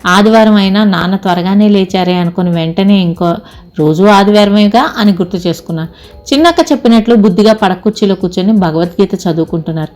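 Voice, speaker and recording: A woman's voice: medium pitch, quick pace, a little mellow, soft background music. A woman narrating an audio story in the first person, reading steadily and reflectively.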